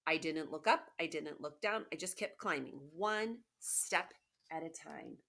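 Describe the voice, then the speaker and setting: A woman reading the part of an earnest, determined storybook egg telling his own story, with deliberate, emphatic phrasing. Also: deep voice, gravelly, pushed and bright, full character voice. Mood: resolute. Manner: deliberate, emphatic storybook delivery with drawn-out key words.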